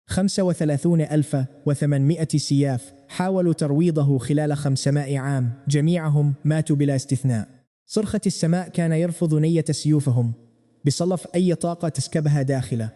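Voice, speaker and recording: A male narrator retells a fantasy comic in first person, scripted and dramatic. He talks very fast in a slightly high register. His voice has a deep, dark colour. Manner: dramatic, rapid storytelling.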